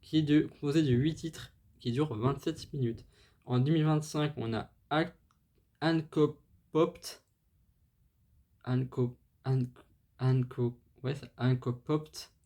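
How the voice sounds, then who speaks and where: A man's voice: mid-range voice, steady tone, measured pace, mellow. A man hosting a music channel, presenting a band's history casually, hesitant and full of fillers, apologizing as he stumbles over foreign names, enthusiastic about the music. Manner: hesitant, many fillers and restarts.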